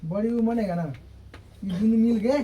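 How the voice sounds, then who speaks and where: A man's voice: sits high, normal speed, mellow, a little hiss or hum, rough recording. A male teacher giving a classroom grammar lecture, explaining step by step and often checking that students understand.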